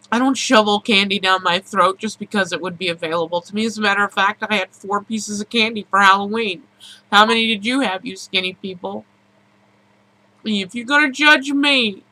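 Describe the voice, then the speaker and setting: Female vlogger, bright and forceful mid-pitched voice, earnest confessional delivery with emphatic repetition. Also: low-quality recording. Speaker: personal video blogger. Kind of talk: candid emotional confessional vlog.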